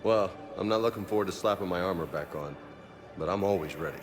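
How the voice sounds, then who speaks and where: A low-pitched, quick-paced male voice, lightly acted, plays a cocky young marine in a game cutscene with faint music behind it. He's casual and joking, laughs easily, keeps an easygoing mood, and stays loyal.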